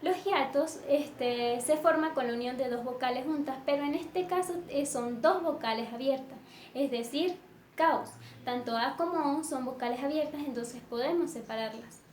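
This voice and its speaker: A woman teaching a lesson in a measured way, with fillers and self-corrections. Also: high-pitched, darkish tone. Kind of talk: explanatory lesson. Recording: echoey room with faint background noise.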